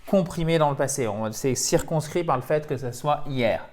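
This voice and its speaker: A man's voice: on the high side, moderate pace, darkish tone. A man teaching English pronunciation in a video lesson, explaining in French and repeating example words with the stress marked.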